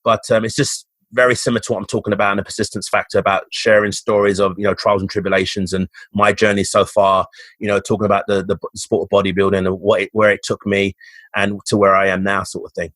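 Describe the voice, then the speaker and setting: A man's voice: fairly low pitch, flat delivery, quick pace, fairly bright tone, no room sound. A man from London's East End with a Cockney accent, a fitness coach talking as a podcast guest in an upbeat, motivational way, often restarting his sentences. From East End of London, England. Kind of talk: casual interview talk.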